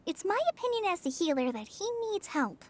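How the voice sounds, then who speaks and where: A woman's voice: very high-pitched, sing-song, fairly quick. An actress playing a chatty, teasing young girl healer, in game voice acting.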